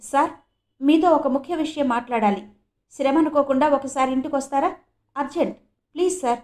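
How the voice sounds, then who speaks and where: A woman's voice: on the high side, moderate pace, darkish tone, natural voice. A woman voicing a fiery young woman who speaks urgently and pleads in a storybook reading.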